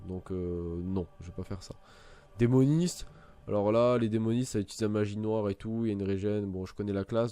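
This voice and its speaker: Rambling man with a mellow voice. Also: lowish voice. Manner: rambling, many fillers and restarts. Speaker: gaming video creator. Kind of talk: casual gameplay tutorial commentary.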